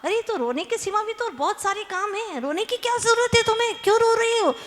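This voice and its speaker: A woman's voice: extremely high pitch, animated, fairly quick, voice pushed up. A woman doing a coaxing, curious neighbor. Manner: coaxing questions. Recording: long hall reverb.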